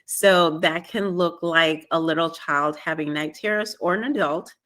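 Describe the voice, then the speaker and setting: A woman from Trinidad, a spiritual alignment coach, answering interview questions in a measured way with frequent ums. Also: low voice, a bit bright. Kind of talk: podcast guest interview.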